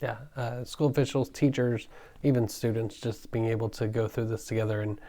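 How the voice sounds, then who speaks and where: A man's voice: medium pitch, steady tone, brisk, warm tone. A man chatting casually as a co-host of a church conversation. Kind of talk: casual chat.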